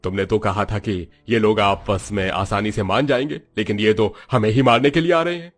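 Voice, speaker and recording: A man voicing a greedy, bossy rich builder and businessman in an animated story. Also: on the low side, normal speed, faint music behind, lightly acted. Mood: scheming.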